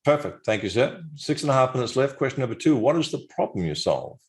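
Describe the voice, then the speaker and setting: A man's voice: medium pitch, big pitch swings, fast talker. A man with an Australian accent hosting an interview podcast, upbeat and playful in an announcer-like way. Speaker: podcast host.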